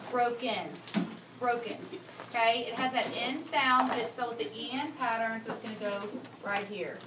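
A woman teaching a spelling lesson, explaining patiently step by step with the odd filler. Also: a little high. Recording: echoey room, noisy, mic far off.

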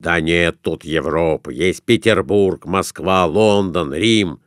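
A man voicing a calm middle-aged captain who gives quiet, persuasive advice. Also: deep voice, slow pace, dry recording, clean studio sound, voice pushed down. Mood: coaxing.

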